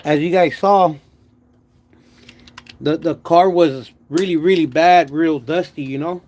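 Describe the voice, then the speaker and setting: A man with a slurred, wet lisp from missing front teeth, chatting casually and haltingly in slangy speech as a car vlogger. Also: a little high, a little mellow. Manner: halting, stammered repetitions with pauses to manage saliva; slangy, uses "homie" and "dog", drops in Spanish words. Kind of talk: casual livestream chat about car work.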